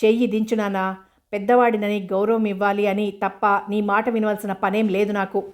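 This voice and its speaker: A woman's voice: medium pitch, little pitch movement, moderate pace, lightly acted. A woman reading as a defiant young widow. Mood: furious. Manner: angry, accusing outburst. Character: young widowed woman defying her harsh father.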